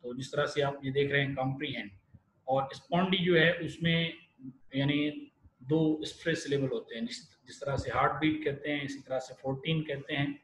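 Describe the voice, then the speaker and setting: A man giving an online literature lecture. He explains step by step and often pauses, restarts and fills gaps. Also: medium pitch, fairly even intonation, a bit bright. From Pakistan. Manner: explanatory, many fillers and restarts. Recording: echoey room with faint hiss.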